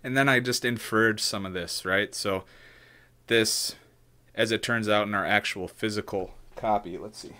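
A man's voice: fairly low pitch, steady tone, moderate pace, sharp tone. A man in his thirties giving a casual screen-share tutorial, thinking aloud with loose restarts and frequent "right?" checks. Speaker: maker demonstrating 3D modeling. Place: small room at home, indoors.

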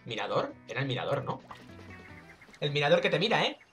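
A man with a Spanish accent from Spain, chattering through a game in a jokey, excitable way. His voice is bright and bounces all over the place. Game music plays faintly underneath. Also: on the high side, a little fast. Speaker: let's play gamer. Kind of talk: casual gameplay commentary.

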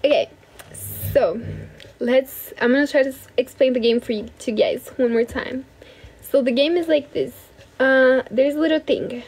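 This livestream host is a young Brazilian woman whose high voice has a husky edge, speaking at an ordinary pace in a relaxed bedroom stream. She addresses a phone held at arm's length, chats loosely with viewers, thanks them a lot, and now and then slips into another language.

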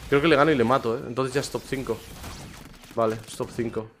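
A man's voice: mid-range voice, steady tone, fast talker, fairly bright tone, slight background noise. A young man with a Spain Spanish accent giving live commentary while he streams a game, swearing, grumbling and pleading over and over.

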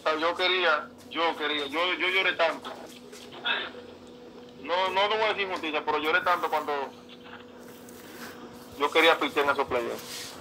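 A man's voice: on the high side, moderate pace, long pauses, noisy background. A man talking as a baseball player guest in a casual interview, earnest and emotional, often repeating himself. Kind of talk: casual interview, heartfelt storytelling.

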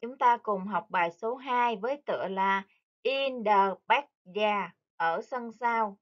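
A woman teaching English to young children, speaking slowly and carefully and repeating each word for them to copy. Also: mid-range voice, muffled recording. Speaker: primary school English teacher. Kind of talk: online lesson for young children.

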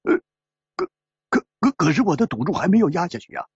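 A man voicing a sly, grudging male gambler who talks low and mutters hesitantly. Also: huge pitch swings, slow, breathy edge, no room sound, lo-fi sound, full character voice. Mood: flustered.

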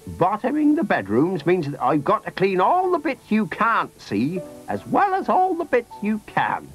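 Man doing a bossy old gran, storybook radio, high and lively. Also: a little slow, exaggerated voice. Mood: fond. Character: bossy kindly old grandmother, brisk. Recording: faint music behind.

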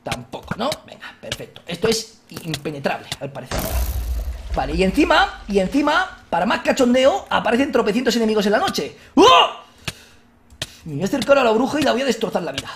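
A man with a Spain Spanish accent hosting a let's-play, excitable, shouting at enemies and joking with viewers. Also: high-pitched, fast, a little hiss or hum. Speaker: gaming video host.

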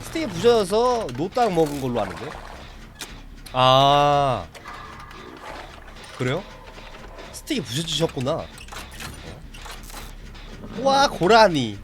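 Guy streaming a game, chatting w viewers, bit high voice that bounces around, faint noise behind. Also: wildly swooping pitch, slow, long pauses. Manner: chatty, reacts to the game and answers chat. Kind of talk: casual live-stream chat while playing.

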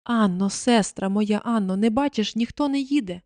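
A woman voicing a frightened young wife in a storybook reading, pleading desperately and rising higher as she begs. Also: normal speed, a little mellow, no echo, studio quality, lightly acted.

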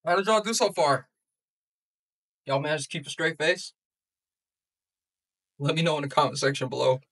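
A man's voice: fairly high pitch, expressive, moderate pace, fairly bright tone, recorded from a distance. A man hosting a casual reaction video, chatting loosely in slangy, repetitive talk. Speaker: YouTube reaction host.

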